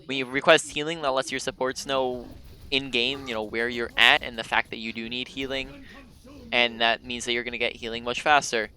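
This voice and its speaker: A man's voice: mid-range voice, level tone, brisk, sharp tone. A man coaching a player one-on-one in a casual way, explaining patiently and checking in with "right?" as he goes. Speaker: game coach.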